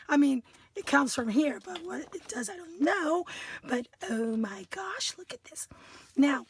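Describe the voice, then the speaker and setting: A high-pitched woman unboxes craft kits in a chatty, self-mocking way, laughing often and tripping over her words. She takes her time and talks slowly. She is from the United States. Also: a little hiss or hum. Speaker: craft vlogger. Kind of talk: casual product unboxing.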